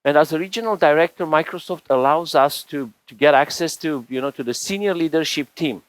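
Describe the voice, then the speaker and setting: A man's voice: a little high, brisk, no room sound, rough recording. A man in his forties from Romania, giving a chatty conference tech talk on stage with lots of fillers and restarts. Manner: chatty, rambling, frequent restarts and "you know" fillers. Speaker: conference speaker.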